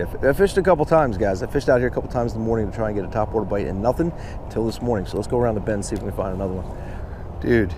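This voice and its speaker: Beside a pond, a fishing vlogger with a medium-pitched voice talks to viewers over a noisy background. He's an American in his thirties or forties, casual and chatty, addressing everyone as "guys."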